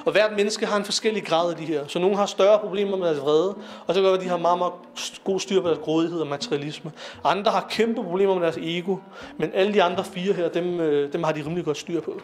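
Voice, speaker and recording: A young man giving an informal lecture to young people, talking conversationally with fillers and asking his listeners questions. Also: high voice. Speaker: lecturer on Sikh philosophy.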